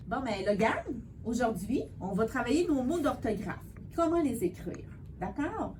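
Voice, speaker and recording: A woman's voice: on the high side, expressive, noisy background. Patient woman tutoring a child. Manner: patient, encouraging, sounds out words slowly. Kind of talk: one-on-one spelling lesson.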